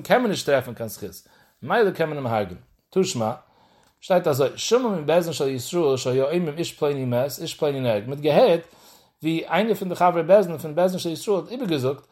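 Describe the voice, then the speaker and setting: A man teaching a Talmud lesson in Yiddish, explaining in a study singsong and repeating phrases as he works through the text. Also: a little high.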